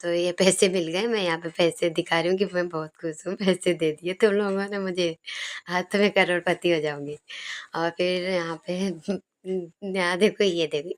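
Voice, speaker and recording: Chatty woman narrating family video, low flat voice. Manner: chatty, fond, laughs while telling. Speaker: vlogger.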